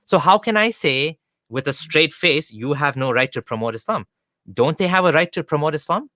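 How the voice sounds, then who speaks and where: A man's voice: a little high, expressive, moderate pace, pushed and bright, no room sound, clean studio sound. A man hosting an interview, talking in long discursive stretches and filling his sentences with "you know" and "like". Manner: discursive, leans on "you know" and "like", argues points at length. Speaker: interview host. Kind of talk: conversational interview.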